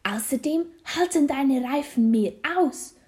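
A woman voicing an overprotective mother in a children's story, shrill and anxious. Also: animated, measured pace, warm tone. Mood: shrill worry.

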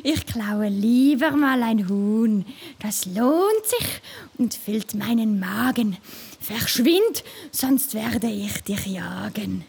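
A woman's voice: expressive, slow, vocal fry, darkish tone, slightly rough, full character voice. A woman voicing a sly, greedy fox in a rhyming children's storybook, mocking and threatening. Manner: mocking and threatening, lower than her squirrel.

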